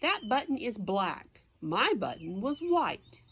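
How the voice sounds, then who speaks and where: A woman's voice: medium pitch, very animated, slow, a bit bright, breathy edge, full character voice. A woman voicing a grumpy, fussing male toad from a children's storybook, complaining emphatically. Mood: exasperated.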